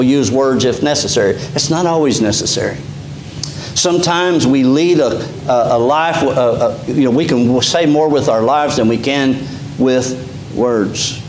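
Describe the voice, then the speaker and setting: The sermon comes from a middle-aged pastor with a mid-range voice and an Appalachian Kentucky accent, preaching conversationally with frequent restarts and fillers while standing and gesturing. He's indoors in a small church sanctuary, where the echoey room has a faint hum.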